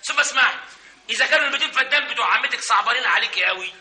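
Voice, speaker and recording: A man's voice: very high-pitched, rapid-fire, bright, forceful tone, full character voice. An actor playing a brash male chauffeur who claims to be a grand lawyer, boastful and mock-indignant, chuckling as he talks, in an old comic stage play. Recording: old stage recording, roomy, distant.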